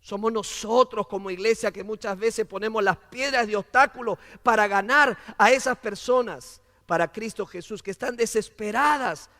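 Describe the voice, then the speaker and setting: High-pitched preacher guy, earnest sermon, repeats lines for emphasis, long echoey reverb like a big church. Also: moderate pace, hardly any pauses, pushed and bright. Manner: earnest, repeats phrases for emphasis, drops to near-whisper on scripture.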